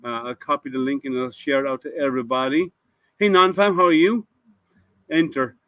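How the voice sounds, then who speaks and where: A man's voice: mid-range voice, brisk, fairly bright tone, dry recording, dull audio. A man hosting a casual livestream hangout, chatty and rambling, often restarting his sentences as he greets viewers. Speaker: host.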